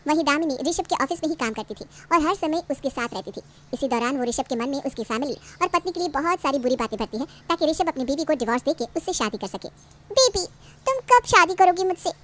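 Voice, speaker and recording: A woman narrating a cartoon family story in a calm, even storytelling manner. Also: sits high, quick pace, slight background noise.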